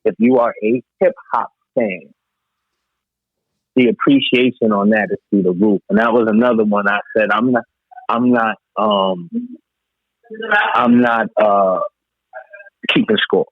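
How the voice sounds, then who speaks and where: A man co-hosting a podcast gives forceful, opinionated takes on music, circling back to the same phrases for emphasis. He has a fairly low voice and an unhurried delivery full of long pauses, recorded without echo over a thin, phone-like line.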